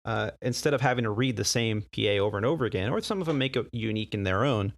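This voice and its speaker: An American man co-hosting an aviation podcast in a relaxed, chatty way. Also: lowish voice, fast talker, gravelly. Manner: relaxed, chatty, frequent fillers and restarts. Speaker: podcast co-host and airline pilot. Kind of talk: casual podcast chat.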